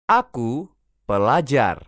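A language teacher reads short everyday phrases for learners to repeat. Each phrase comes three times, unhurried and clearly spaced. The voice moves freely up and down, and the recording is dry and close. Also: medium pitch, big pitch swings, a bit bright, no room sound. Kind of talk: reading phrase drills.

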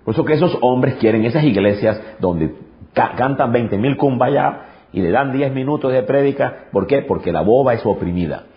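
A man's voice: mid-range voice, lively intonation, normal speed. A male pastor preaching a sermon emphatically, repeating phrases and throwing rhetorical questions at the congregation. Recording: dull lo-fi recording.

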